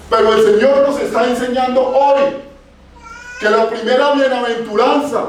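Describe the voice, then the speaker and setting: High-voiced preaching man in an echoey church. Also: far from the mic, a little hiss or hum. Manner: preaching, asking the congregation questions and repeating key phrases. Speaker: pastor. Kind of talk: sermon.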